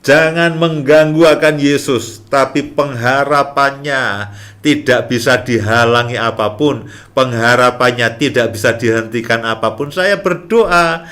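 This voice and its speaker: A middle-aged man preaching a sermon as a pastor in a studio, animated and dramatic, acting out the voices of the people he quotes. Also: medium pitch.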